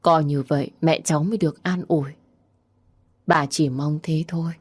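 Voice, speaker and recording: A woman voicing a gentle old grandmother who speaks in a soft, soothing way, in a storybook reading. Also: deep voice, steady tone, moderate pace.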